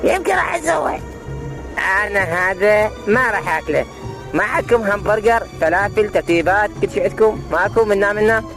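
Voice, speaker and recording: A man's voice: high-pitched, animated, fairly quick. A man playing a fussy, nagging villager who complains in an Iraqi Arabic accent, in a comic skit. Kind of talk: comic dialect dialogue. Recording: music behind the voice.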